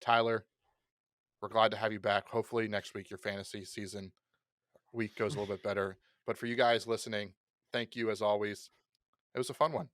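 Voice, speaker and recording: A man's voice: fairly low pitch, flat delivery, brisk, long pauses, a bit bright, no echo, studio quality. A man hosting a casual fantasy football podcast, loose and joking as he talks through players. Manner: loose, joking, wraps up the show. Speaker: podcast host.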